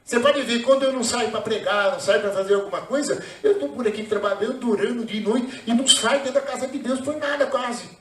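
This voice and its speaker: A man's voice: very high voice, fast talker, hardly any pauses, fairly bright tone. A man with a Brazilian Portuguese accent preaching a sermon in a church hall, emphatic, with frequent hallelujahs. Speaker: pastor. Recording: roomy echo, voice from far off.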